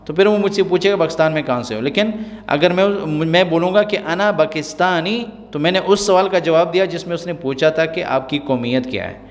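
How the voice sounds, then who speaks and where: A man, teaching a spoken-language lesson and repeating example phrases slowly and deliberately. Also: a little high, long reverb tail. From Pakistan. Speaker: Arabic teacher.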